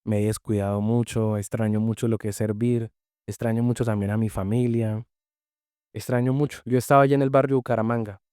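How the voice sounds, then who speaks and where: A man's voice: fairly low pitch, steady tone, fairly quick, mellow, clear, resonant tone, no room sound, clean studio sound. A young man with a Colombian accent, a podcast guest telling his personal faith story in an earnest, heartfelt way, often repeating phrases.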